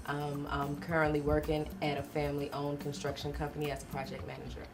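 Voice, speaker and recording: Low, flat-voiced calm woman. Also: fairly quick, music in the background. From United States. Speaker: guest, project manager. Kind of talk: casual talk show conversation.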